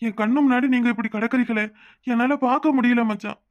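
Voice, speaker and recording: A man's voice: extremely high pitch, steady tone, quick pace, lo-fi sound. A man voicing a remorseful cartoon man who pleads and reproaches himself. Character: remorseful man pleading with his brother-in-law. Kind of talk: cartoon voice acting.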